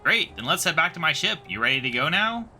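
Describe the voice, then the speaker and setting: A man's voice: a little high, very animated, fairly quick, sharp tone, soft background music, full character voice. A man voicing a rude, greedy male pirate in a game playthrough, sneering and insulting. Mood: scornful.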